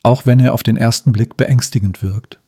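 Mila, a squeaky little mouse, as a man puts her on. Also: fairly even intonation, normal speed, husky, no room sound, clean studio sound. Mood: gentle. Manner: squeaky, timid then gentle. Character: small brave female cloud mouse.

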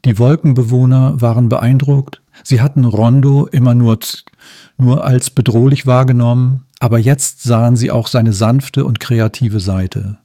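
Brief: male storyteller for a children's tale, calm, mellow, dry close sound. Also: mid-range voice, no echo. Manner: calm, measured reading. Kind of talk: children's bedtime story narration.

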